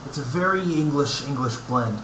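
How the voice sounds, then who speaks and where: A man giving a casual, unscripted review, speaking haltingly and thoughtfully in short phrases with pauses between them. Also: medium pitch, expressive. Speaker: pipe tobacco reviewer. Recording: echoey room, clear background noise.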